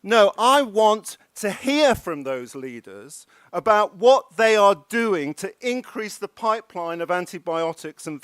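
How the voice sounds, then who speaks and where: A man's voice: sits high, fairly bright tone, clear, resonant tone, no echo. A man delivering an impassioned, emphatic formal speech with rhetorical questions. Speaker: keynote speaker.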